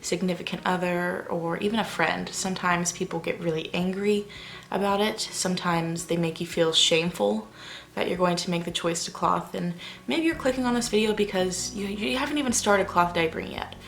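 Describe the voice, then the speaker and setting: A young woman with a lowish, vocal-fry voice talks at a normal speed to camera. She's a parenting vlogger filming at home late at night, chatting and rambling quietly so she won't wake her sleeping family.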